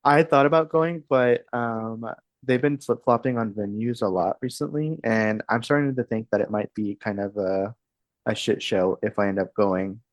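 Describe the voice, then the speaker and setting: A woman in her thirties from Texas co-hosting a podcast, chatting in a relaxed, hesitant way with laughs. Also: rumbling low, moderate pace, dry recording. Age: 30s. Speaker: podcast co-host. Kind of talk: casual chat.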